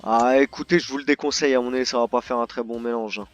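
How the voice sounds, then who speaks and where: A fast-talking man with a medium-pitched, steady voice plays a polite, formal bartender serving customers in an improvised roleplay game. Music plays in the background of the dull, lo-fi voice chat.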